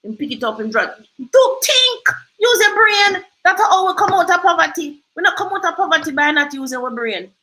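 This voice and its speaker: A woman's voice: high voice, expressive, fast, hardly any pauses, sharp tone, rough recording. A Jamaican woman hosting a livestream, giving emphatic motivational advice and slipping into patois. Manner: emphatic, preachy, switches into patois. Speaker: host.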